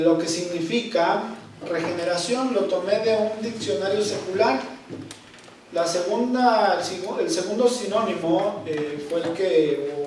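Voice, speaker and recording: A man with a fairly high voice teaches a church class, going slowly and repeating his key terms. He keeps asking his listeners if they follow. The sound is very echoey, as if recorded from across a large hall. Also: a little mellow, far from the mic, slight background noise. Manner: slow, repeats key words, checks in with "¿Ok?". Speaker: Bible teacher. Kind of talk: Bible study class.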